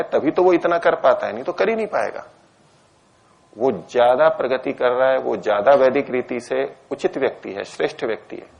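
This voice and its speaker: A man teaching Ayurveda and ethics, lecturing calmly and answering students' questions. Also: mid-range voice, creaky. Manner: calm, measured, explanatory. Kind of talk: Hindi discourse lecture with Q&A.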